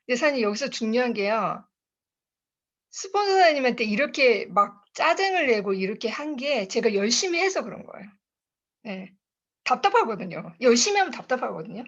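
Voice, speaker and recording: Woman, motivational speaker at a sales meeting. Chatty storyteller, laughs often, lively sing-song delivery, muffled call audio. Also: a little high. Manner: chatty, laughs often, addresses listeners as bosses. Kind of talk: motivational talk with personal storytelling. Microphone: online video call.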